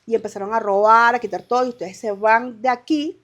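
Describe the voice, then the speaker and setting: A woman from Venezuela in her thirties gives emotional personal testimony in an interview. Her voice sits a little high, and she speaks haltingly, restarting phrases and acting out what others said to her. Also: fairly even intonation, fairly bright tone. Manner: halting, with restarts and quoted dialogue. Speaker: interview guest.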